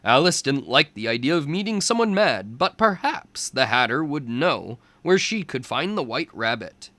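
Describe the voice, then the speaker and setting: Reading a children's storybook aloud, this male tutor uses an expressive, measured storytelling style. His voice is mid-range, with no room sound.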